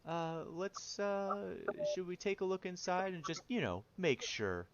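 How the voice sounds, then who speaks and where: A man's voice: high-pitched, very animated, a little slow, dull audio, background noise, pitched above the performer's own voice, exaggerated voice. A man voicing a shapeshifter in the form of a ten-year-old boy, politely and warily bargaining in a tabletop game. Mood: wary, businesslike.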